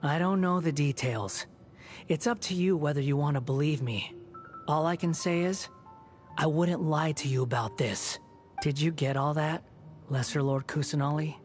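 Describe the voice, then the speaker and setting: A man's voice: on the high side, natural voice. Man voicing aloof, sardonic young Scaramouche, game music behind. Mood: cool, sardonic. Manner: cool, sardonic, deliberate. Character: aloof, cynical young man, proud former villain. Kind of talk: video game dialogue acting.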